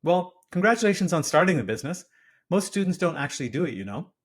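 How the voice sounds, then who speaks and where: A man voicing a measured, dry older male business professor in a low-key manner. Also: sing-song, husky, full character voice.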